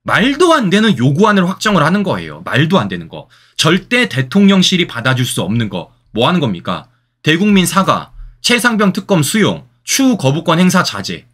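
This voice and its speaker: A man's voice: on the high side, wildly swooping pitch, a little fast, fairly bright tone. A man hosting solo political commentary, firing rhetorical questions at his viewers and repeating key phrases for emphasis. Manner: addresses viewers directly.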